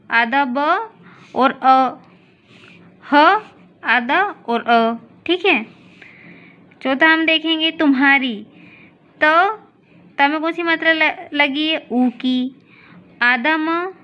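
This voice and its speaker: Woman teacher, high voice, slow patient classroom walkthrough, dull lo-fi sound. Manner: slow, patient, asks and answers her own questions. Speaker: school teacher. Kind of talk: recorded class lesson.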